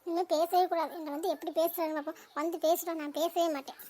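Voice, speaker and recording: Brief: woman playing a mouthy young cartoon wife, very high, even-pitched, rattling her lines off quickly. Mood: sulking. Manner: fast, teasing, talkative. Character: chatty young wife Meena, sharp-tongued and sulky.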